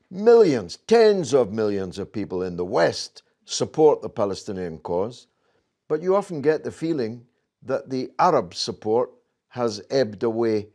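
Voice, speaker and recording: Slow, lively-voiced older man host. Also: medium pitch. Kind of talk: debate questioning.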